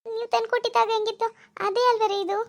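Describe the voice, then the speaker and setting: A woman voicing a flustered young village wife in a cartoon, pleading her innocence in a very high, quick voice. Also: flat delivery. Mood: pleading confused. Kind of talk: cartoon voice acting.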